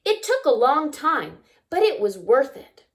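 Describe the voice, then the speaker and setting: A high-pitched woman reads a picture book to young children a little slowly, as a story time reader. She's expressive, acting out sounds and adding asides and questions for her listeners.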